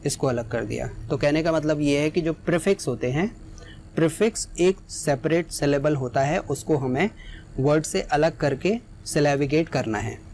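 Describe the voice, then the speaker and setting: A man's voice: fairly high pitch, darkish tone, faint music behind. Patient Hindi-speaking man teaching. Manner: patient, repeats example words slowly. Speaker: English teacher. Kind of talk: explaining exam lesson.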